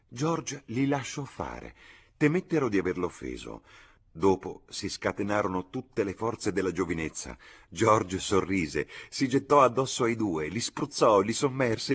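Male audiobook reader, low and husky, measured expressive delivery. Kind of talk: scripted audiobook narration.

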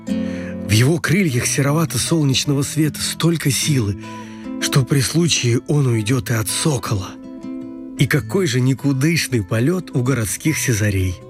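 Male storyteller over guitar music. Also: medium pitch. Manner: even, storytelling. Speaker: audiobook narrator. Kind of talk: scripted story narration.

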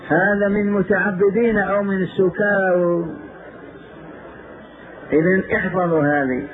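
A male Islamic scholar giving a religious lesson, repeating phrases for emphasis and asking rhetorical questions, on a tinny, phone-like old lecture tape. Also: high voice. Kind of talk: religious lesson retelling prophetic history.

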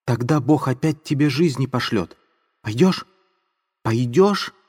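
A man voicing a pious, desperate young woman who pleads in a high, strained voice. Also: steady tone, moderate pace, a little mellow, lightly acted. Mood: fervent. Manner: fervent, imploring, high and strained. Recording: long reverb.

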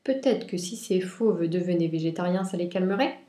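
A woman reviewing and reading a children's picture book aloud in clear, expressive storytelling. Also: fairly low pitch, moderate pace. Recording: roomy echo.

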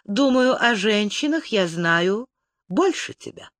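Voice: medium pitch, animated, slow, fairly bright tone, no room sound. An audiobook reader voicing an eager, self-assured young man who boasts a little. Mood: smug. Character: eager smug young male knight.

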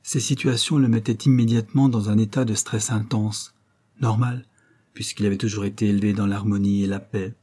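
A man reading a novel aloud as an audiobook narrator, steady and measured. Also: lowish voice, slightly rough. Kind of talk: scripted narration.

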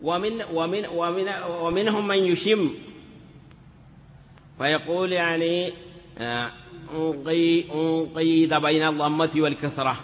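At a measured pace with frequent pauses, a male Arabic morphology teacher lectures on grammar, sing-songing word forms as a drill and dropping "yes" between steps. His voice is a little high and a bit bright, and the lo-fi recording is dull with long reverb.

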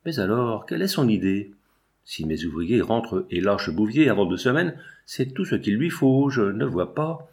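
A man's voice: fairly low pitch, very animated, moderate pace. A man voicing a blunt, wealthy male factory owner who talks in a curt, dismissive way. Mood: reasoning.

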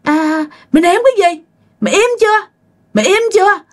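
A woman with a Southern Vietnamese accent voicing a vicious, mocking female ghost in a spoken ghost story. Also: a little fast. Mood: menacing. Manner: shrill, jeering and threatening.

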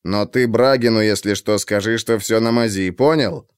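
A man's voice: on the low side, moderate pace, smooth, no room sound, clean studio sound, close to an everyday voice. A man voicing an angry, profane middle-aged police chief who hisses and swears at a subordinate in an audiobook. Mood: angry hissing. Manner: hissing, swearing.

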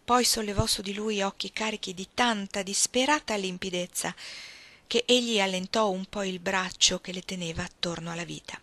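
A woman narrating a novel in a steady, clear audiobook reading. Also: medium pitch, moderate pace, no echo. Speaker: reader.

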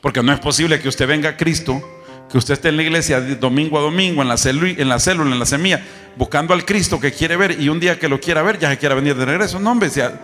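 A man preaches in a bright, forceful tone, his voice sitting a bit high. He tells folksy stories, acting out conversations and firing off rhetorical questions. Faint instrumental music plays behind him. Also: fast. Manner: folksy storytelling, acts out dialogue, rhetorical questions. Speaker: apostle preaching. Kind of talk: sermon.

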